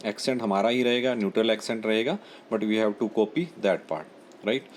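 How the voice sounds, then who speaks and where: A man's voice: lowish voice, a little slow. A man giving a spoken exam-prep lesson as a trainer, explaining steadily and mixing in English phrases. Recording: echoey room with faint ambient noise.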